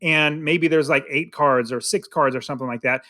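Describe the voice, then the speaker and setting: A man talks through a movie on a casual podcast, his voice sitting a little high. He rambles, doubles back and restarts his sentences as he goes. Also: steady tone, moderate pace, pushed and bright. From United States. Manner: rambling, many restarts and fillers. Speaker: podcast co-host. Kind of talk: casual film review chat.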